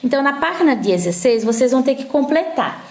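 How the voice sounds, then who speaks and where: A woman with a Brazilian Portuguese accent gives a recorded class, her voice sitting a little high. She explains each point patiently, step by step, and keeps checking that her students are following. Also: big pitch swings, fairly quick, a little mellow. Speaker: Spanish teacher. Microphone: phone screen recording.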